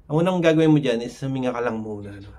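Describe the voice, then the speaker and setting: In a casual talk to camera, a man sharing anxiety tips speaks at a racing pace, his mid-range voice dark and lively in intonation. He rambles, dropping fillers and tag questions constantly.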